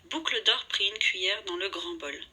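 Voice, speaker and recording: Storybook narrator: woman, very bright tone, a little husky, lively read-aloud delivery. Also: medium pitch, moderate pace, low-quality recording. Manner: lively, voices the characters' lines.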